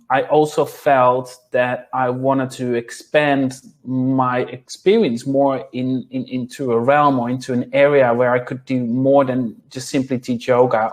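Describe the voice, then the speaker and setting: A Dutch-accented man in his thirties from the Netherlands joins an interview as a guest nutritionist over a video call from a small room. His medium-pitched voice is hesitant and full of ums.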